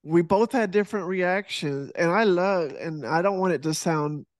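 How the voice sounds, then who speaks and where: An earnest, heartfelt man from Texas, a fitness instructor and author, appears as a podcast guest in a casual video-call interview, restarting often and using many fillers. His voice is high and bright, at normal speed, with dry, echo-free sound. He talks into a headset mic on a boom arm from a home room with a poster behind him.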